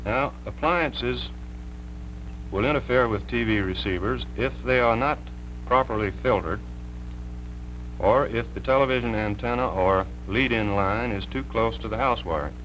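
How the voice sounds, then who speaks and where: A man, an electrical engineer, explaining a technical demonstration in a measured, plain way, heard as a 1950s TV broadcast. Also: mid-range voice, a bit bright, slight background noise, poor audio. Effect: 1950s TV broadcast sound.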